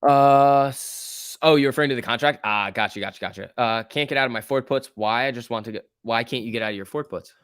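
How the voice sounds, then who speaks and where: A stock trading streamer gives casual live market commentary, reading chat aloud in slangy, repetitive bursts and muttering informally to himself. His mid-range voice is clean and fairly quick. The studio-quality recording has no echo.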